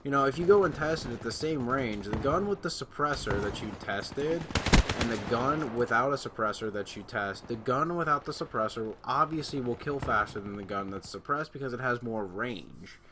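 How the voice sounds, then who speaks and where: Rambling gaming YouTuber over gunfire. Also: male voice, medium pitch, lively intonation, moderate pace, noisy background. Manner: rambling, filler-heavy, loud at times. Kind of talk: casual gameplay commentary. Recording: gameplay gunfire and callouts behind. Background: game sounds and gunfire.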